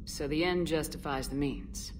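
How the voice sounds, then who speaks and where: A woman's voice: sits low, fairly even intonation, normal speed, distant mic, noisy background, natural voice. An actress playing a composed female military space commander in a video game, asking direct questions. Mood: probing.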